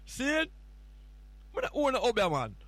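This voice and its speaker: Filling in on a morning radio show, a Jamaican-accented man chats in a loose, teasing, rambling way full of play. His voice is extremely high and fairly bright, with no echo.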